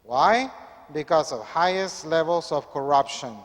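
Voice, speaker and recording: A priest, reading the Gospel and preaching in a measured, earnest way. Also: male voice, a little high, lively intonation. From Peru. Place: church. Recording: echoey church hall.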